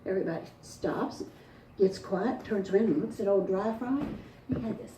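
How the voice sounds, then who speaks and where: A woman's voice: mid-range voice, normal speed, background noise. A woman storyteller, telling a folktale to a live audience in a folksy, dramatic way. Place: front porch event. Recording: echoey, distant mic, faint ambience.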